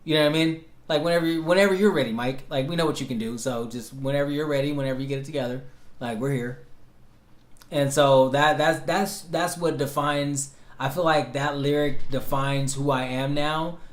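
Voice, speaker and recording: A man's voice: fairly high pitch, fairly even intonation, normal speed. A man in his late thirties, talking in a rambling, reflective way with many fillers and restarts, as host answering questions about his life. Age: 30s. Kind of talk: casual self-interview. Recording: roomy echo.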